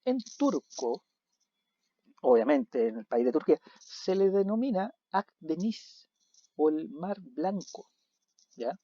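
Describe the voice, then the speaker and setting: A man teaching a recorded video lesson, animated, asking questions and answering them himself. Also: on the high side, takes it slowly, long pauses, no echo. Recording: dull lo-fi recording.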